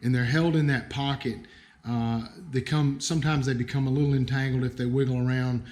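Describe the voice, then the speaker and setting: A man's voice: medium pitch, fairly even intonation, brisk, darkish tone. Folksy man with an Appalachian accent. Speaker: livestream host. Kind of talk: casual live explanation to viewers.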